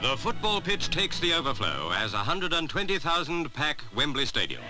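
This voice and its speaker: This is a man's voice from an old newsreel, narrating in a formal announcer's manner. His pitch moves in a lively way. Clear music plays behind him. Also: moderate pace. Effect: played from an old newsreel.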